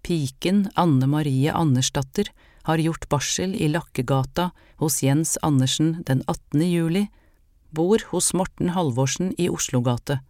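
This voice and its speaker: An audiobook narrator giving a measured, scripted reading of a novel. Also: mid-range voice, a little mellow, no room sound.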